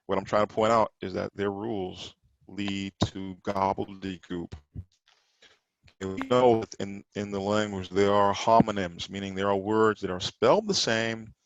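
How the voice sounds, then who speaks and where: Low, gravelly-voiced male teacher. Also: fairly even intonation, a little slow, no room sound, muffled recording. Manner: explanatory, emphatic, repeats words while correcting others' pronunciation. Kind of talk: Sabbath study class lesson.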